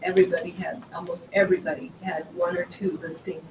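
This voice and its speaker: A woman's voice: on the low side, level tone, fast talker, darkish tone. A woman in her fifties, a veteran real estate agent, telling a story enthusiastically with many fillers. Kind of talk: casual storytelling in a meeting. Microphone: distant room microphone. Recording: echoey room, far from mic, noisy.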